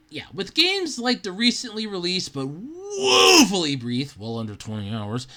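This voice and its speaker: Reading an article for the podcast, the host sounds mid-range in voice and delivers it with animated sarcasm, breaking off for casual, profane remarks.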